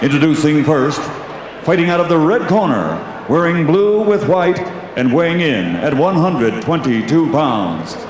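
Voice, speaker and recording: A male ring announcer with a high, widely swinging voice booms through a cavernous arena PA. He is grand and dramatic, drawing out and shouting the fighters' names like a true showman. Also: sing-song, measured pace, a crowd in the background. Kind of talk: theatrical boxing ring announcement with drawn-out shouted names, partly in Spanish. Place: large boxing arena. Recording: booming echoey arena PA, noisy.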